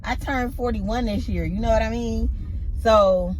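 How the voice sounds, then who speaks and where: A woman's voice: on the high side, a little slow, a little mellow, a little hiss or hum. Candid woman in her forties chatting. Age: 40s. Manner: candid and chatty, full of "like" and "you know what I mean". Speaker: vlogger. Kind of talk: casual chat. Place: parked car at night.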